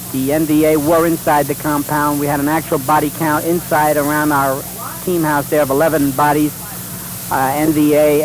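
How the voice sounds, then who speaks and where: Male officer interviewee, highish voice, halting earnest delivery, hissy vintage field recording. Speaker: army officer being interviewed. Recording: noisy, hissy 1960s field tape.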